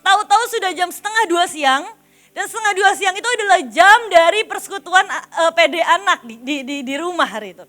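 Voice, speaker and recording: Bright high-voiced woman preaching with animated storytelling. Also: a little fast. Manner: animated storytelling, addressing the congregation as "saudara". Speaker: evangelist preacher. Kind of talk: sermon with childhood storytelling.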